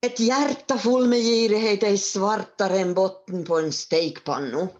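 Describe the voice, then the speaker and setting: A woman voicing a clever young daughter who answers with bright confidence. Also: mid-range voice, muffled recording, natural voice. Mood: sure, earnest.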